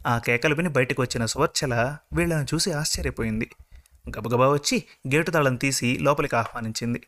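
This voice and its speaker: A man narrating a scripted story in a steady, measured way. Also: medium pitch.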